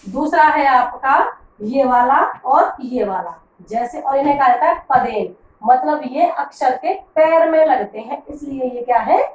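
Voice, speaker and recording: Woman teacher, high voice, unhurried, patient, repeats questions, echoey room heard from a distance. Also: dull audio, slight background noise. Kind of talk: classroom grammar lesson.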